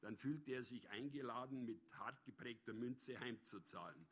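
A man reads a story aloud as an audiobook narrator. His delivery is measured and even, at a middle pitch for a man. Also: breathy edge.

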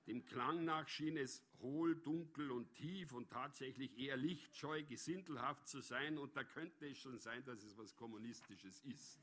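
A man's voice: mid-range voice, measured pace, few pauses, fairly bright tone. Man narrating a story. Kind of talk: scripted audiobook narration.

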